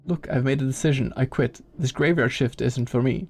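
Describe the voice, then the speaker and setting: A man's voice: mid-range voice, brisk, soft background music, natural voice. A man voicing a fed-up night-shift worker in a game intro, firm and blunt.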